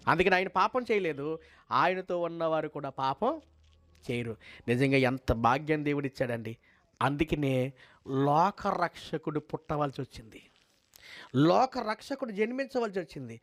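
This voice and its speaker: Male preacher, high voice, fervent, quizzes the crowd with rhetorical questions, repeats himself for emphasis. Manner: fervent, swings between high and low pitch. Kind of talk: sermon and closing prayer.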